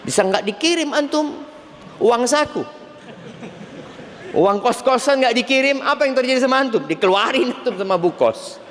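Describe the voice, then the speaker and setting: Animated Indonesian preacher man in a hall. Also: very high-pitched, moderate pace. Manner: lively, animated preaching with Arabic recitation. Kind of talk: Islamic sermon lecture. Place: station venue hall with crowd ambience. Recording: reverberant hall, faint background noise.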